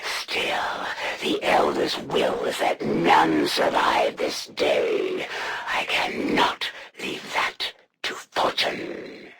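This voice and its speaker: A woman playing a haughty, menacing alien assassin in a video game, speaking in a formal, imperious, theatrical way with gravelly, breathy menace. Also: drawn-out words, noisy background. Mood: cool intrigue. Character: haughty, menacing female alien assassin, zealous servant of her masters. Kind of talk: dramatic video game villain voice lines.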